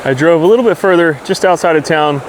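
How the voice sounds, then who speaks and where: Casual, enthusiastic travel vlogger over clear background noise. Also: medium pitch, fast. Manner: informal, easily enthusiastic. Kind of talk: casual vlog chat to camera. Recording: noisy vehicle and outdoor ambience.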